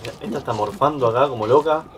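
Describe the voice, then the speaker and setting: A mid-pitched man with a Rioplatense Spanish accent chats his way through a horror game. He narrates in loose, casual commentary and often yelps or laughs when something startles him. A faint background hiss sits under his voice. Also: very fast. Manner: chatty, easily startled, yelps and laughs at scares. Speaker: gaming YouTuber. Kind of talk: casual let's-play commentary.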